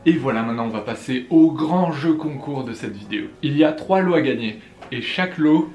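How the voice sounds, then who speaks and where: A young man from France answers viewer questions in an animated, fairly quick voice of medium pitch, hopping between French and Chinese. Playful and self-mocking, he vlogs casually from an echoey room with soft music in the background.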